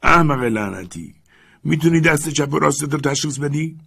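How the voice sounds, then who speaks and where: A male audiobook narrator plays an excitable, obsessed master barking orders with loud urgency. His voice sits above the narrator's own. It keeps a husky, gravelly texture throughout. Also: medium pitch, voice pushed up. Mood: urgent, commanding. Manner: loud urgent shouted commands.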